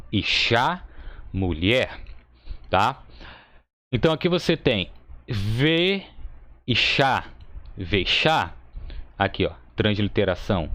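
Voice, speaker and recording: Low-voiced man teaching patiently. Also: no echo. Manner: explains patiently, says "tá?" often, thinks aloud with fillers. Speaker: Hebrew teacher. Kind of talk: recorded online lesson.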